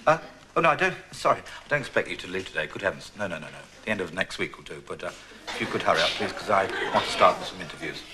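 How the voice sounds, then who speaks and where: Middle-aged English sitcom businessman, polite impatience, dry sarcasm, clipped delivery, lively intonation, lowish pitch. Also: fast talker, noisy background. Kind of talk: 1980s British studio sitcom acting.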